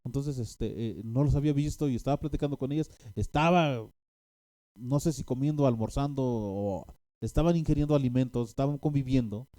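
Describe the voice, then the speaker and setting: Preacher guy, super mellow dark voice, stumbles and repeats a lot, dry close sound. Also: medium pitch, no echo. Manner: halting, many restarts and fillers, rising to animated outbursts. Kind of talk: sermon storytelling.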